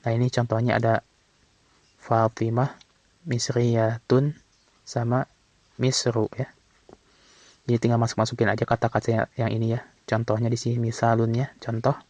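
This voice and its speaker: A man teaching from an Arabic textbook in a casual way, reading phrases slowly and then explaining them quickly. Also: medium pitch, completely flat delivery, darkish tone, dry recording. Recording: dull, slightly lo-fi sound.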